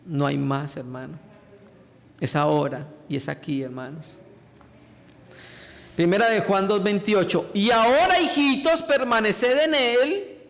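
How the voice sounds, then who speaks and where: A man's voice: high voice, creaky. A man preaching a sermon in a church, emphatic and pleading, calling his listeners brothers again and again. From Colombia. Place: church hall. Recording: reverberant church hall.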